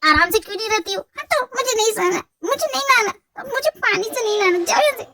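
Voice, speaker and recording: A woman's voice: very high voice, expressive, fast talker, a little hiss or hum, voice pushed up. A woman voicing a dramatic, easily flustered young woman in a fan-fiction audio story, with whiny, over-the-top outbursts. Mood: cranky. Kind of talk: Hindi fan-fiction voice acting.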